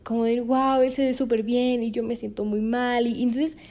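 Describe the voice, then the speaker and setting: A woman's voice: on the high side, flat delivery, moderate pace, warm tone. A young Mexican woman, a podcast host, telling a personal story in casual chat, laughing often between fillers.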